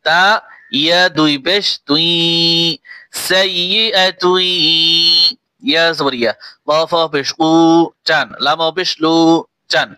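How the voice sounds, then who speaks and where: Slow-paced Quran teacher spelling verses. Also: male voice, on the high side, sharp tone, no echo, low-quality recording. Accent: Bengali. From Bangladesh. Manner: slow drawn-out recitation between quick spoken explanations.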